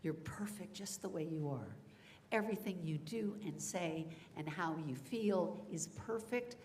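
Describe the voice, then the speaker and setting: A woman's voice: low voice, slight background noise. A woman voice actor speaking on a convention panel, earnest and encouraging, addressing the audience directly.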